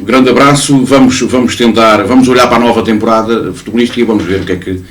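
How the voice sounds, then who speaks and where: A man commenting on football in a casual studio chat, animated and emphatic, often repeating and restarting words. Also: lowish voice, quick pace. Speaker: sports commentator. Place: local TV studio.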